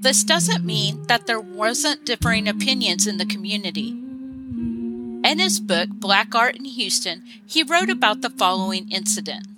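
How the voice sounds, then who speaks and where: A woman giving scripted documentary narration in a measured, even manner. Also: mid-range voice, rough recording. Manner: measured, reads quotes aloud. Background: music.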